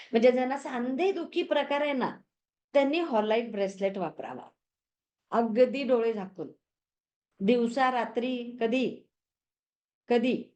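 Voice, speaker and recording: A woman's voice: fairly high pitch, darkish tone. A woman teaching crystal healing in a chatty storytelling manner, mixing in English words. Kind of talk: lesson.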